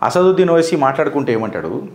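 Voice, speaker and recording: A man's voice: medium pitch, big pitch swings, racing, echoey room. A man giving combative political commentary, firing rhetorical questions straight at the person he criticizes.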